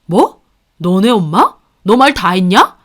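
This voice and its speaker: A woman's voice: mid-range voice, sing-song, moderate pace, natural voice. A woman voicing a defensive, angry young husband who snaps back. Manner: snapping, defensive. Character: angry selfish husband, young adult man.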